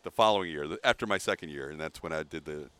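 A man's voice: very deep voice, quick pace, a bit bright, clear, resonant tone. A man, a sports broadcaster guest, recalling past broadcast teams in an easygoing, matter-of-fact way. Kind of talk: casual chat.

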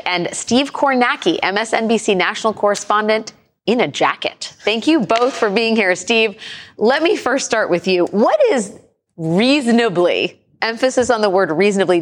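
A woman anchoring a cable news show, reading a measured script and then putting questions to her guests. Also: fairly low pitch.

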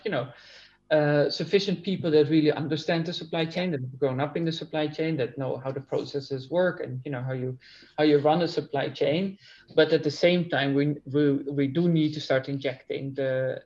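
A man's voice: on the high side, darkish tone, muffled recording. A man taking part in an interview as a guest over a video call. He speaks earnestly and repeats his first words often before finishing a thought. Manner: earnest, many repeated starts. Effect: video call audio. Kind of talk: remote interview.

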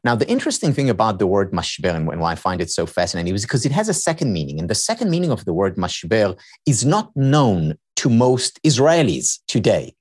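A husky, slightly mellow male voice sits on the low side, moving quickly with wide pitch swings and barely a pause. He's a native Hebrew speaker guesting on a podcast as a happiness researcher and teacher, lecturing through explanatory interview talk and driving each point home by repeating it.

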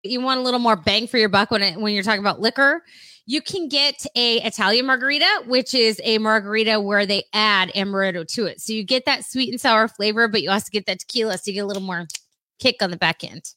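A woman's voice: mid-range voice, quick pace, bright, forceful tone, no room sound. A woman co-hosting a podcast, chatting in a bubbly way and laughing often. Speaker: podcast co-host. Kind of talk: casual chat.

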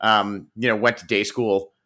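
This man's voice sits on the low side, bright and forceful, though his delivery stays flat and his speed normal. He co-hosts a podcast and banters about football in a relaxed, joking manner full of fillers.

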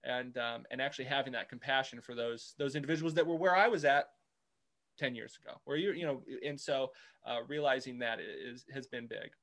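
A man's voice: medium pitch, fairly quick, a bit bright. A man as a guest in a casual interview, hesitant and full of restarts. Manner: hesitant, many restarts and fillers.

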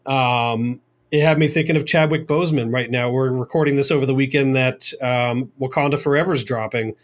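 A man's voice: mid-range voice, fairly even intonation, fairly quick. A man co-hosting a podcast, telling a long story in a rambling, casual way with many fillers. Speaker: podcast co-host. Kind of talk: casual chat.

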